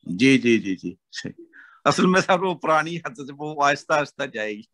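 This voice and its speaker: A man taking a recitation lesson, answering his teacher deferentially and reciting slowly and haltingly. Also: fairly high pitch, sing-song, fairly bright tone, no echo. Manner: deferential, frequent "ji, ji" acknowledgments, slow halting recitation. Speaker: adult student. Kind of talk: reading aloud and answering in a lesson.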